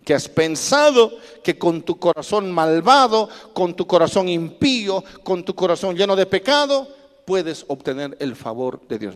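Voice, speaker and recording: Male pastor, high voice, emphatic preaching with call-and-response, long reverb from the church hall. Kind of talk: sermon.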